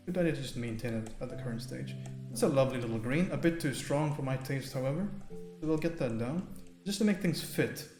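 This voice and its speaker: A man streaming a live painting lesson, thinking aloud in a relaxed way and often checking in with "right?" while chatting with viewers. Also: mid-range voice. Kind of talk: live painting tutorial with chat. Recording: roomy sound with faint music.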